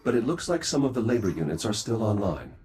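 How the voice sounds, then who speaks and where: Composed android worker for a sci-fi game: low, measured, matter-of-fact delivery. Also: male voice, big pitch swings, a little mellow. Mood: composed, formal. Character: composed, dutiful male android space-station worker.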